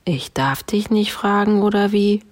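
A woman's voice: mid-range voice, a little slow, voice pushed up, lightly acted. A woman voicing a sulky, contrary dog in a children's story read aloud. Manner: dismissive, sulky. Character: grumpy, contrary male dog.

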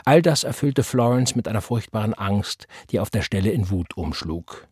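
A man narrates a novel in a measured, calm way. His low voice has a husky, breathy edge. The recording is close and dry, with no room sound. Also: no echo. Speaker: audiobook narrator. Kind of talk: scripted narration.

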